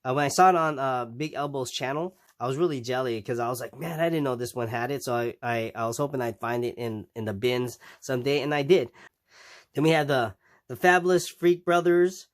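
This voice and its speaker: Still stuffy and nasal after a recent cold, this man runs a comic collecting vlog, casually showing his purchases in rambling show-and-tell style. He talks fairly quickly in a mid-range voice, full of ums and restarts.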